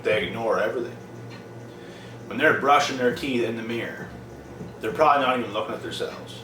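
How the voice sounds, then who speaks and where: A man's voice: mid-range voice, a little fast, sharp tone, far from the mic. Blunt, profane young man, off-mic. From Prince Edward Island, Canada. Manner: blunt, profane, emphatic repetition. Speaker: vlogger. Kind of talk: casual monologue to camera. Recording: roomy, off-mic, noisy background.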